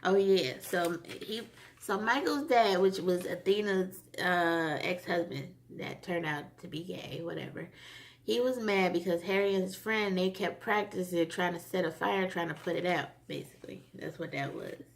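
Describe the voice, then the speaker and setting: A woman's voice: fairly low pitch, moderate pace, vocal fry. A woman casually recapping a TV episode for her channel, chatty and rambling, with frequent fillers. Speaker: TV episode reviewer.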